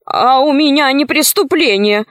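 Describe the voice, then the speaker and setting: A woman's voice: a little high, lively intonation, slow pace, dry recording, clean studio sound. A woman voicing a sly, cowardly male wolf who whines and wheedles out of trouble in a storybook reading. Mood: wheedling. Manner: pleading, self-pitying, wheedling.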